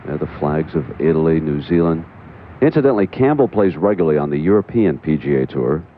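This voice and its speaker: Male golf commentator and anchor, very low register, thin noisy TV audio. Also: animated, fast. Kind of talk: live golf commentary, announcer narration. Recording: noisy lo-fi TV broadcast, outdoor ambience.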